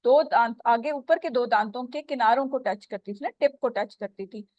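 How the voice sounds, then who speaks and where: Woman teacher on a video call, high voice, drawn out and unhurried, kinda muffled lo-fi audio. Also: darkish tone, no echo. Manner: patient, repeats sounds slowly for students. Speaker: Quran recitation teacher. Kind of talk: online tajweed class.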